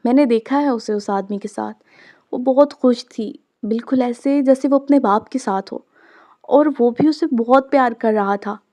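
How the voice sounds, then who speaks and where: A woman reading the part of a caring female friend who calmly reassures in a storybook. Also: on the high side, moderate pace, lightly acted. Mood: soothing. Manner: soothing, reassuring.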